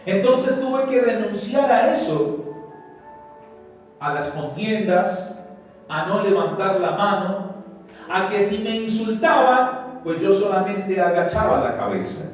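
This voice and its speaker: A man from Ecuador preaches with a high, bright pitch, his voice booming through a big echoey church hall with long reverb. He stands well off the mic while soft music plays underneath. He speaks earnestly and keeps calling his congregation brothers. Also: takes it slowly, pauses often, far from the mic, lo-fi sound. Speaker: pastor. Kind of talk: sermon with personal testimony.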